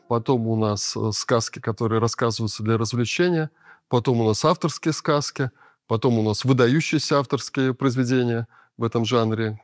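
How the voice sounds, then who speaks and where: A man giving an unscripted lecture, explaining at a thoughtful pace with frequent filler pauses. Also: lowish voice, no echo, clean studio sound.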